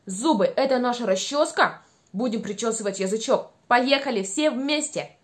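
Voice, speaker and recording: A young woman with a high voice leads small children through speech exercises. She is playful and encouraging, animated in delivery, and over-enunciates her words. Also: normal speed. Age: young adult. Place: small room at home by a window.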